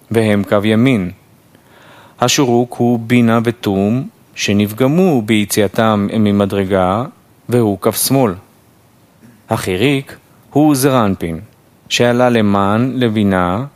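Man reading a mystical text, measured. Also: on the low side. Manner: measured, phrase-by-phrase recitation with explanatory asides. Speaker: Kabbalah teacher reading and explaining a text. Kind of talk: steady study reading with numbered sections.

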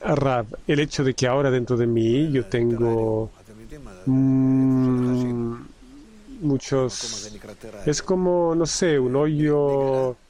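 A man interpreting a spiritual lesson live. He relays it in halting phrases, with frequent restarts and repeated words. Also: mid-range voice, steady tone, warm tone. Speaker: simultaneous interpreter.

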